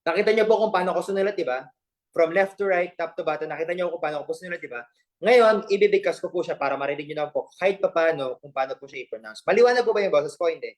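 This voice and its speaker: A man's voice: on the high side, fast. A man teaching a language class online, who keeps checking in with his students and slips jokes into the lesson. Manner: playful, repeats questions to students, jokes mid-lesson.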